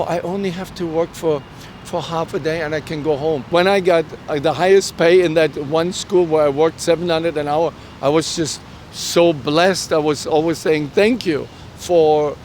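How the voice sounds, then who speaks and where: A middle-aged man with a German accent and a higher, darkish voice is the guest in a conversational interview, telling personal stories. His delivery is halting and earnest, peppered with dialogue he quotes from himself. Traffic rumbles in the background of this outdoor street recording.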